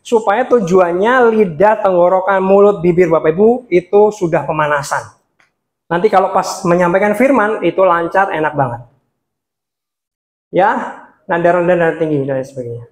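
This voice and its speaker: A man with a touch, teaching beginners how to preach in a lively workshop style, swinging his pitch up and down and laughing often. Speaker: preaching trainer. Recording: echoey room sound.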